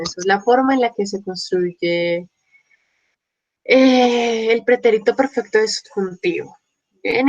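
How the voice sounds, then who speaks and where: A woman's voice: medium pitch, highs cut off. A woman teaching a grammar lesson, explaining patiently step by step and working through examples. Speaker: Spanish teacher.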